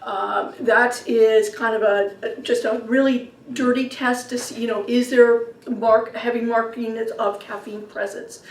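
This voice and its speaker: A woman presenting a funding request at a public meeting, talking fast and apologetic in a casual way. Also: fairly high pitch, fairly even intonation. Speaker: agency presenter. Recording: echoey meeting room from a distance.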